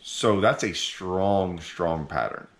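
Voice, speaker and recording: A middle-aged man hosting a fishing channel, talking casually to camera from his living room couch, animated and full of restarts as he thinks aloud. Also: deep voice, slow. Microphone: camera in front at sitting distance.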